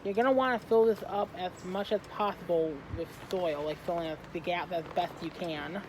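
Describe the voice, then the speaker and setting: An eighteen-year-old from Michigan hosting a casual how-to vlog, often halting and correcting themselves mid-sentence. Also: mid-range voice, noisy background. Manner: halting, self-correcting, trailing off. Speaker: plant arrangement seller and video host.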